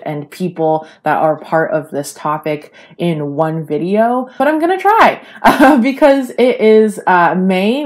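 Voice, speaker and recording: A woman's voice: sits low, a little mellow. A young adult woman who grew up in Canada, hosting an unscripted video essay and rambling with many fillers and restarts. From China, raised in Canada.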